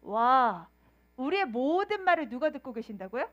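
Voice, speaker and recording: A woman preaching a children's sermon, telling the story in an animated way and asking the children questions. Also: sits high, fairly quick, dull audio. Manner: animated storytelling, acting out quoted voices.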